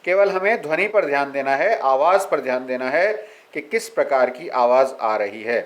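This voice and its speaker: A man teaching English grammar, reading examples slowly and explaining them step by step. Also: medium pitch, lively intonation, poor audio. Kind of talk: explaining a lesson.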